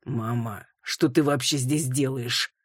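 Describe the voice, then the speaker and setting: A woman's voice: extremely low pitch, takes it slowly, husky, dry recording, studio quality, full character voice. A woman voicing a hungover, irritated young man arguing with his mother. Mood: exasperated. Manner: exasperated.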